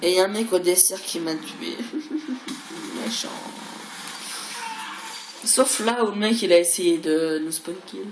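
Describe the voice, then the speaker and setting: A woman's voice: fairly low pitch, fairly quick, hardly any pauses. Echoey, noisy gaming commentary from a woman. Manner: rambling, stammers and repeats words; mild crude swearing. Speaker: gaming video creator. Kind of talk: casual gameplay commentary. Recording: roomy echo, clearly noisy background.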